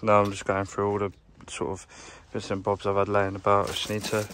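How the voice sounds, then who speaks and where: A young man with a low, gravelly voice chats in a flat, offhand ramble. He sounds like a tradesman filming himself on a handheld phone while sorting his van. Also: fairly quick, background noise. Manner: chatty, rambling, low-key. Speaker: plumber vlogger. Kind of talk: casual vlog narration while working. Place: inside a work van, outdoors nearby. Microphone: handheld phone camera.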